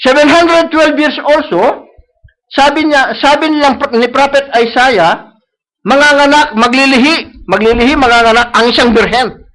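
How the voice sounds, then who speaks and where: A male preacher, his voice pitched very high for a man. He preaches to a live congregation, returning to the same phrases again and again and checking that they follow him. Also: normal speed, fairly bright tone, low-quality recording. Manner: mixes English phrases into Tagalog, repeats key phrases; asks the congregation for agreement. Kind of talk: sermon. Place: church service.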